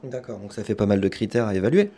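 A man's voice: on the low side, expressive, quick pace, warm tone. A man interviewing guests, asking brief questions with hesitant fillers.

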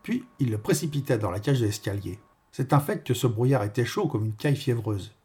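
A male narrator reads a novel aloud with a wry, measured delivery. His voice is husky and of middling pitch. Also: lively intonation, a little mellow. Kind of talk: audiobook reading.

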